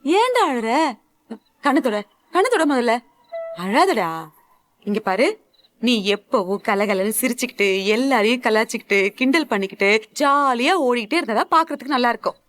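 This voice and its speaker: Caring woman role: high, lively, coaxing, dry close sound, played by a woman in a serial dub. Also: normal speed, no echo. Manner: coaxing, cheerful, soothing. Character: caring woman cheering up a crying young man. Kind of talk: dubbed serial dialogue.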